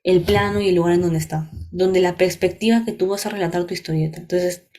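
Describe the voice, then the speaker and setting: A woman's voice: on the low side, fairly even intonation, brisk, darkish tone. A young adult woman with a Peruvian Spanish accent, leading a workshop lecture. She explains step by step and often checks that listeners are following. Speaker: workshop instructor.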